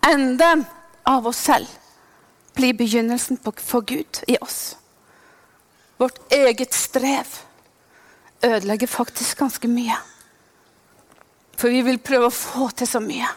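A woman preaching a sermon with passion, dropping to hushed whispers and then rising to loud proclaiming. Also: high-pitched, fairly even intonation, pauses often.

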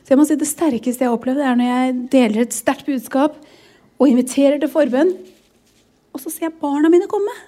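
A woman's voice: high-pitched, dark tone. A woman in her forties, a pastor's wife, sharing a personal testimony in a sermon, emotional and often close to tears.

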